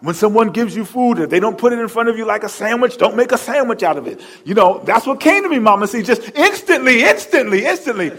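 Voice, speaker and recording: A male pastor preaching a sermon, telling stories with lively repetition and asides to the congregation. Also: very high voice, fast, few pauses, husky.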